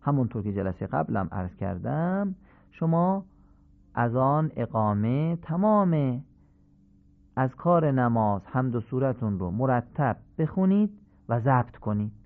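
A middle-aged man teaching correct Quran recitation on a radio lesson, explaining calmly and reciting phrases slowly to demonstrate. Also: mid-range voice. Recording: tinny phone-like old radio recording.

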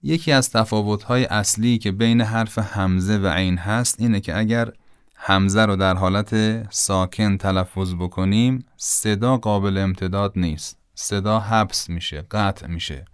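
A man teaches Quran pronunciation in a patient, explanatory way, slowing down to stretch out each sound he demonstrates. His voice sits low and comes across smooth and resonant. The recording is dry and close, with no room sound. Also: no room sound. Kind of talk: pronunciation lesson.

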